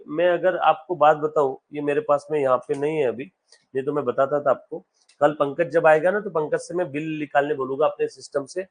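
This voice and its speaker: A male accountancy teacher giving a live classroom lecture. He reads English text slowly, explains it in Hindi, and keeps quizzing his students, calling them "beta". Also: fairly high pitch.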